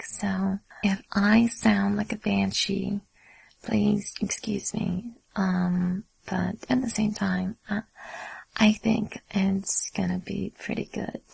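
A young adult woman whispers close and slow, her voice thin with breath and edged with a gravelly fry. She talks in a soft, unhurried murmur, sitting a little higher in pitch than most women. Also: no room sound, rough recording. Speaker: audio creator. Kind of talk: intimate whispered audio.

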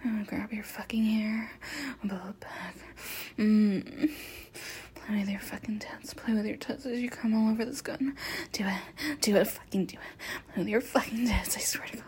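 A woman's voice: mid-range voice, steady tone, normal speed, a little mellow, a little hiss or hum, natural voice. Woman doing a whispering sadistic killer. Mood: taunting whisper. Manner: breathy whispering with sudden laughs. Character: sadistic unhinged female killer, mocking and cruel. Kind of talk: adult audio roleplay.

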